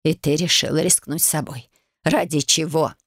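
A woman voicing a stern, scolding grandmother witch over eighty, speaking slowly and gruffly. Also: low voice, steady tone, dry recording, studio quality. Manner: slow, gruff and reproachful.

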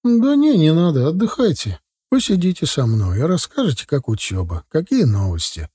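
A man's voice: on the high side, sing-song, normal speed, mellow, breathy edge, pitched above the performer's own voice. A man reading a story, voicing a chatty, welcoming old grandmother in a raised voice. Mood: fussing. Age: older.

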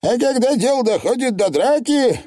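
A man voicing a stern, calm old witch who speaks slowly and deliberately. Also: very high voice, pitched above the performer's own voice. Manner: slow, deliberate, measured speech.

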